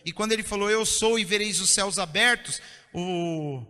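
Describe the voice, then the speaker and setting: High bright preaching man in a hall. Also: moderate pace, clear, resonant tone. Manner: impassioned preaching, often drops to soft intense tones. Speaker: pastor. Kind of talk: sermon. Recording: long reverb of a church hall.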